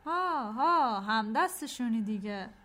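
A softhearted young boy in an audio story, pleading and whiny. The voice sits very high. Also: lively intonation.

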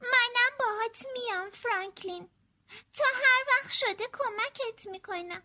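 A woman reading a storybook aloud, voicing a small little girl turtle who is tender and sorry, in a very high, small childlike voice. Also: sharp tone, heavily acted. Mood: pleading.

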